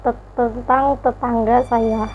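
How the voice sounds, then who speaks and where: A woman tells a ghost story as a guest, in a somewhat high voice. She hesitates often and acts out shocked cries. Quiet music plays behind her. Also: little pitch movement, slow, muffled recording. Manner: hesitant with many fillers, acts out gasps of shock. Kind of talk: casual spoken ghost story.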